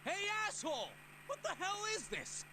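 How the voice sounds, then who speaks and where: Young, emotional game captive, very high and swooping voice, noisy game audio. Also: female voice, wildly swooping pitch, moderate pace, exaggerated voice. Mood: angry, demanding. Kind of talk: video game voice acting.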